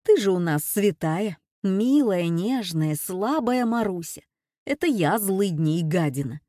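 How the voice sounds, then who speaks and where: A woman's voice: mid-range voice, animated, unhurried, mellow, dry recording, clean studio sound, natural voice. Older woman, strong-willed sister, blunt and self-assured, read by a woman. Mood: sardonic.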